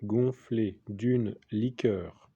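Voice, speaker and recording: A man is dictating like a schoolteacher, in a fairly low, slightly husky voice. He goes extremely slowly, phrase by phrase, repeating each piece and naming the punctuation. The recording is dull and lo-fi. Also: steady tone, warm tone, no room sound. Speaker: teacher giving a dictation. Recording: dull lo-fi sound.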